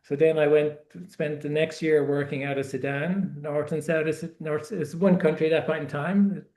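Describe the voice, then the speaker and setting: This Irish guest author in his forties has a somewhat higher-than-typical male voice, with a level, darkish tone. In a casual interview he tells stories slowly and thoughtfully, doubling back on words as he finds them. The room echo is clearly audible.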